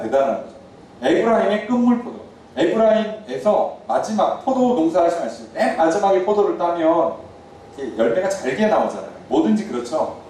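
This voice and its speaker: Pastor guy preaching, acts out the characters, somewhat high voice, roomy church sound w faint hiss. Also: far from the mic. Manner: lively storytelling, acting out quarrels in character voices. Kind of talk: sermon. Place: church sanctuary. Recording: echoey church hall, mic from afar.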